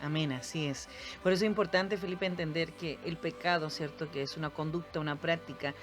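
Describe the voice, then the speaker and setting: Woman w/ a lowish voice reading bible verses on a church podcast, earnest, soft music under it. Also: steady tone, a little fast. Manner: earnest, reads scripture aloud, frequent "amen" and "right?". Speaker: podcast co-host.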